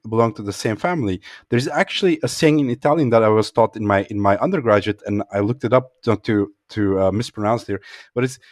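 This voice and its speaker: A man hosts a relaxed discussion and challenges his guest's arguments as a devil's advocate. His voice sits at an ordinary mid pitch and is recorded close and dry. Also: dry recording. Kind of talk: casual discussion.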